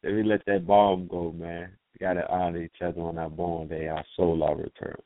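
A man in his forties hosting a radio talk show, speaking in a relaxed, laid-back way with drawn-out phrasing. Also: sits low, no echo. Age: 40s. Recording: dry phone-line call audio.

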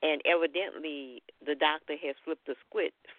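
A woman's voice: deep voice, steady tone, normal speed, no room sound. Woman caller over a landline phone. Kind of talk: call-in talk radio. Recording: tinny dry phone line.

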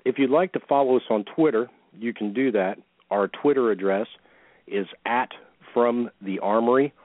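A man's voice: mid-range voice, moderate pace, no echo. A man co-hosting a live wrestling radio show, announcing like a showman ringmaster. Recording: thin, phone-like radio line.

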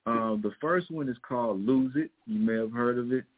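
A man's voice: mid-range voice, moderate pace. A man with a Missouri twang giving casual, motivational coaching advice in a folksy, emphatic way, repeating his key points. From Missouri, United States. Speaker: fitness and weight loss coach. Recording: thin phone-like audio.

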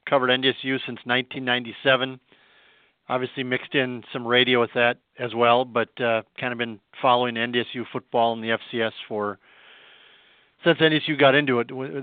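A man's voice: medium pitch, smooth, dry recording. Man over the phone, fifties, plainspoken sports writer, thin narrow line, dry close sound. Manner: plainspoken, unhurried, thinks aloud. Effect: heard over a phone line. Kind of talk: casual phone interview.

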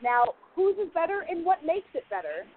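A woman's voice: very high voice, very animated, fairly quick. A woman hosting a radio show, moderating a wrestling interview and putting questions to the guests. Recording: tinny phone-like sound with hiss.

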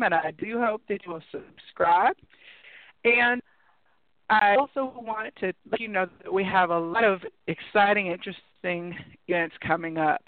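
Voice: mid-range voice, no echo. A talk show host whose audio keeps cutting in and out over a weak connection, welcoming the audience and a guest. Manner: warm welcoming, promotional. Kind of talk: online talk show hosting. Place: traveling, on Wi-Fi. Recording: choppy thin phone-like online call.

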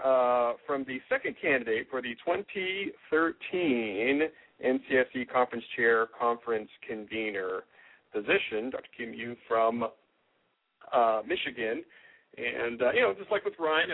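A man hosting a podcast, talking casually and chattily with lots of fillers. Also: mid-range voice. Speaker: podcast host. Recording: lo-fi phone-like audio.

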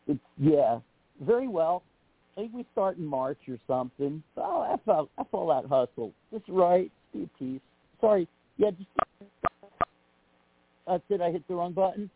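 Guy calling into a radio show, kinda high husky voice, rambles all over, tinny phone sound. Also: expressive, a little slow, dry recording. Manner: rambling, scattered, swears casually. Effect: heard over a phone line into a radio show. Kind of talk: casual call-in chat.

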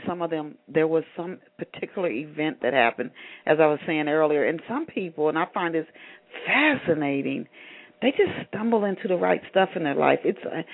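Eager higher-voiced male host, phone-thin sound. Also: gravelly. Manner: enthusiastic, stammering repeats. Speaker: radio show host. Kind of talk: interview hosting. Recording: tinny phone-line sound.

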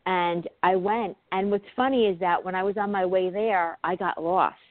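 A New York woman talks quickly and sincerely as an interview guest, dropping in the occasional um. Her voice is close and dry with no room sound. It comes through a narrow, phone-like line. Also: on the low side, dry recording. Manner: quick, heartfelt talk with ums. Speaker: guest, animal communicator. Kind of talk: casual interview chat.

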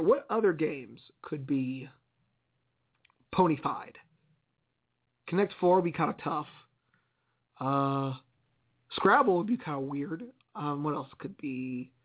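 A man's voice: fairly high pitch, breathy edge. A man hosting a radio show with casual, chatty news commentary, musing aloud as he goes. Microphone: internet radio broadcast. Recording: tinny, phone-like internet radio sound.

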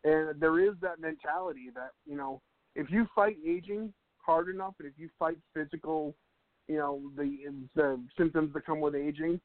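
A man in his mid-thirties chats casually on a radio show in a fairly high voice with fairly even intonation and a moderate pace. He often restarts sentences and laughs easily. The audio is dry, with no echo, over a tinny, phone-like line.

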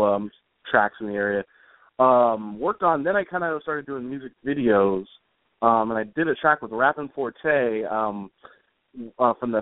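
A man with a medium-pitched voice, a comic author and musician, chats informally and somewhat ramblingly as a guest in a casual conversational interview. The line sounds tinny, with no room sound.

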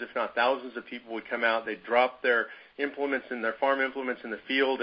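Forceful, husky man telling a story. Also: mid-range voice, low-quality recording. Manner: conversational, emphatic retelling. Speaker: movement leader speaking on a conference call. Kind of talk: storytelling anecdote.

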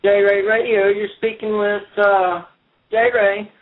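High-voiced male host on speakerphone. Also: flat delivery. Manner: loose, filler-heavy, halting. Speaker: internet radio host. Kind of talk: casual call-in show hosting. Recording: tinny speakerphone audio.

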